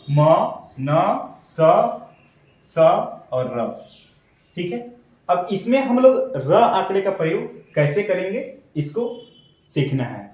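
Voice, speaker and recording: A man's voice: high voice, a little mellow, heavy reverb, far from the mic, low-quality recording. A man teaching an online shorthand class, explaining step by step and checking in often. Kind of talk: online lesson.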